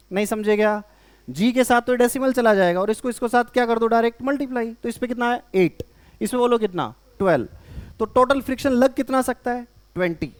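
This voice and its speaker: A man's voice: extremely high pitch, smooth. A man teaching a physics lesson on friction to a class, mixing Hindi with English terms and quizzing his students with questions. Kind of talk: classroom lecture.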